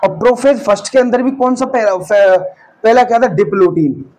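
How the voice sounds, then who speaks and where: High, mellow-voiced man teaching. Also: moderate pace, low-quality recording. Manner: repeats key terms as quiz questions to listeners, casual asides; corrects own slips mid-lecture. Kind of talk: classroom-style lecture.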